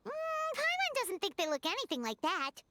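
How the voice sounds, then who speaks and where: A woman voicing a small, childlike fairy companion in a video game, curious, chatty and excitable, with a squeaky voice. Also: fairly quick, heavily acted. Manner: excitable, speaks of self in third person. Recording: music behind the voice.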